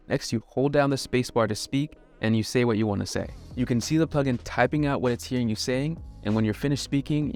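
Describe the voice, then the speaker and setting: A man's voice: medium pitch, darkish tone. Man narrating a step-by-step tutorial. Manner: clear step-by-step explaining. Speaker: video host.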